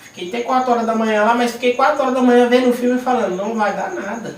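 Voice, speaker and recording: Rapid-fire and level in tone, an extremely high-pitched male voice delivers an informal sermon to a small church cell group. He recounts a personal testimony animatedly, with many fillers and restarts. Echo, a far-off mic, and faint noise mark the recording.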